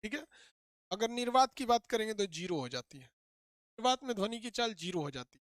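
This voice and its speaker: Fast-talking physics teacher. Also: male voice, sits high, lively intonation, a bit bright, no room sound, studio quality. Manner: rapid, repetitive, quizzing the students. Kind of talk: animated classroom lecture.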